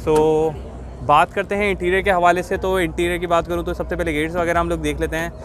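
Hosting a car market vlog outdoors, a Pakistani man in his 20s gives a walkthrough and short interviews in a repetitive, explanatory patter. He talks fast in a high, level, fairly bright voice with slight background noise, recorded on an arm's-length phone amid busy street market chatter.

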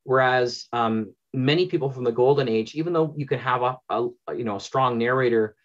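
Speaking fairly quickly in a medium-pitched voice, a Canadian man who produces audio dramas rambles enthusiastically as an interview guest. The casual, effusive chat comes from a small indoor home room lined with bookshelves, over dull, lo-fi video-call audio.

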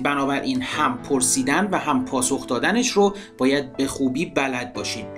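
Man, English teacher, quick explanations, slow clear example sentences, faint music behind. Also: on the high side. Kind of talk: language lesson narration.

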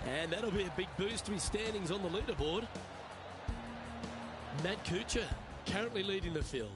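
An actor playing a composed male golf broadcaster, giving measured, scripted play-by-play for a video game. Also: high voice, close to an everyday voice. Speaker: golf commentator. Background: game music.

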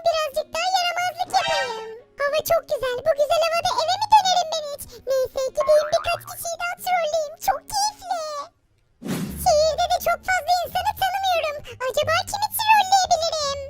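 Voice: very high voice, moderate pace. A performer voicing a cheeky, scheming little girl who plays pranks in a game role-play skit. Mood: whiny. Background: children's music.

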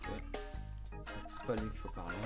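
A young man giving casual commentary while he plays a video game. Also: normal speed. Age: young adult. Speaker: let's player at the controls. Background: video game music.

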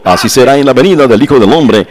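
A man voicing a translated sermon, fervent, exclaiming praise and speaking straight to his listeners, slowing down for emphatic phrases. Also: medium pitch, expressive. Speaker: preacher.

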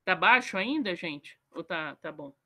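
A woman on a video call in an online book club, chatting casually and self-deprecatingly, and reading her own short poem slowly. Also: lowish voice, expressive, sharp tone. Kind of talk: casual online group chat. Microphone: computer mic on a video call.

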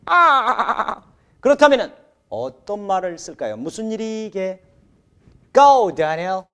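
Lively high-voiced male lesson host. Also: takes it slowly. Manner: energetic, exclamatory, switches between Korean and English drills. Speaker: host of an English lesson show. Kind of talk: animated TV lesson presenting.

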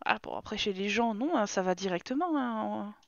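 A woman's voice: mid-range voice, lively intonation, fairly quick, vocal fry, no echo, dull audio. A woman streamer giving casual let's-play commentary, talking to and scolding her game characters in an exasperated way. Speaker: gaming streamer.

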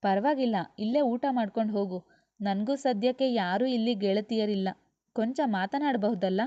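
A woman voicing a gentle, dignified young wife who speaks softly and calmly, in a dull lo-fi recording. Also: mid-range voice, moderate pace, dry recording, natural voice.

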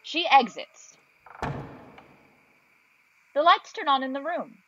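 A woman's voice: sits high, animated, takes it slowly, sharp tone, lo-fi sound. A woman narrating, reading stage directions from a script.

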